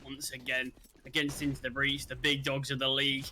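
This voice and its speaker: Relaxed male color commentator. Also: medium pitch, brisk, background noise. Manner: relaxed, casual, self-correcting. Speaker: esports co-caster.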